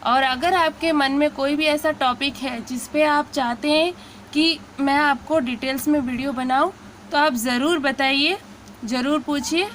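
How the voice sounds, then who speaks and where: A woman teaching a Hindi lesson in a high, bright voice. She talks slowly and patiently, repeating syllables one by one in a drill. A faint hum of noise sits under the recording. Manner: patient, drawn-out syllable drills with frequent "theek hai". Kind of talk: slow spoken lesson.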